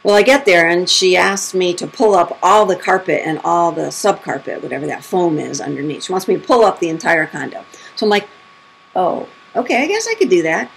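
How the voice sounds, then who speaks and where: A middle-aged woman who works as a spirit medium tells her own stories in a chatty, casual monologue, acting out quotes with big jumps in pitch. Her voice is gravelly and husky, fairly quick, and the recording is low quality.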